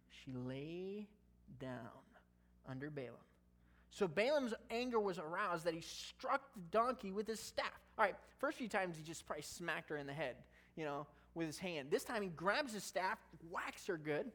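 A man's voice: high-pitched, fairly bright tone. A man preaching a casual sermon, reading scripture aloud and breaking off into conversational, joking asides. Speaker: pastor.

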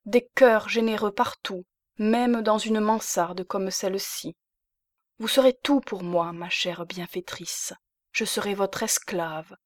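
A woman's voice: mid-range voice, no room sound, clean studio sound, close to an everyday voice. A woman reading a fervent young exile. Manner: fervent, pleading. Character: young male Polish exile, grateful and emotional.

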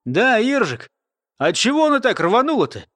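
A man's voice: very high-pitched, wildly swooping pitch, moderate pace, a bit bright, no room sound, voice pushed up, full character voice. A man voicing a puzzled male accomplice who grumbles colloquially.

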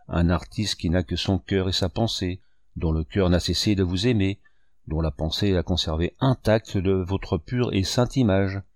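A man's voice: low-pitched, a little mellow, no echo, clean studio sound. A man reading a novel aloud, voicing a heartbroken and bitter young male artist. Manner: emotional, bitter.

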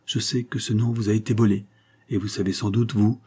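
A proud young noblewoman from a storybook, pleading with firm, anguished dignity, read by a man. The voice stays low, dark and husky, with no attempt at a higher pitch. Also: flat delivery, brisk. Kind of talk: audiobook character reading.

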